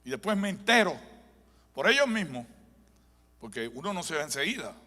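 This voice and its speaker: A man's voice: fairly high pitch, big pitch swings, moderate pace, pushed and bright. A male pastor giving a live sermon, telling a dramatic story and building to fervent preaching in a church. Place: church sanctuary. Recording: long church hall reverb.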